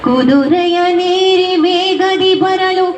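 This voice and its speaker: A woman singing the part of a male god who calms his angry wife, in a slow, drawn-out devotional song. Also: extremely high pitch. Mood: pleading. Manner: sung in slow, drawn-out phrases with spoken refrains. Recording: roomy, dull recording with faint music.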